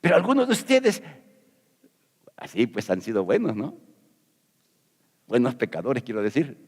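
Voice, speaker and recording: A man's voice: mid-range voice, huge pitch swings, moderate pace, breathy edge, big-room sound. A middle-aged man from Peru preaching a sermon as pastor, folksy and jokey, asking rhetorical questions.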